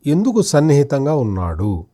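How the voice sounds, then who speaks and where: A man's voice: mid-range voice, huge pitch swings, normal speed, mellow, no room sound, studio quality. A man, a senior journalist, giving accusing political commentary in an interview, firing rhetorical questions at an absent politician.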